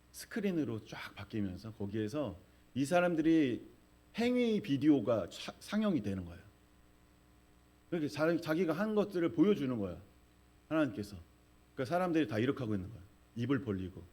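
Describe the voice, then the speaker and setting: A man's voice: mid-range voice, warm tone. A middle-aged male pastor preaching a sermon, telling a vivid story and acting out the crowd's cries.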